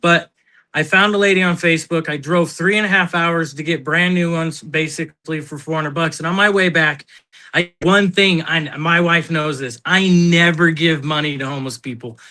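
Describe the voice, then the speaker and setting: A man's voice: fairly high pitch, moderate pace. A man telling stories in casual chat on a live talk show, blunt and swearing freely. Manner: blunt, animated storyteller who swears.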